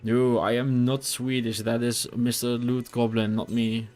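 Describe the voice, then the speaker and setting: A man's voice: mid-range voice, little pitch movement, measured pace, a little mellow, soft background music. A young Dutch man with a Dutch accent, chatting casually while streaming a game, rambling with fillers and restarts. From Netherlands. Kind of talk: casual gameplay chat.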